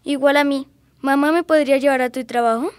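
Woman doing a lively little girl, very high voice, excitable, dry close sound. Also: brisk, dry recording, lightly acted. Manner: chatty, excitable. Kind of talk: educational radio drama.

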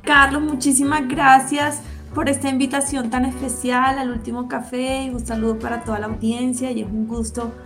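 A young woman with a Caribbean Colombian Spanish accent speaks in a fairly high voice. She is a guest answering questions in a radio interview. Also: flat delivery, moderate pace, hardly any pauses, a bit bright, soft background music. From Barranquilla, Caribbean coast of Colombia. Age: young adult. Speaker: interview guest, NGO director.

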